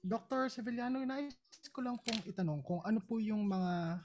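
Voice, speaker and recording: A man's voice: on the high side, warm tone. A man in the audience politely and respectfully asking a guest speaker a question, after a long greeting.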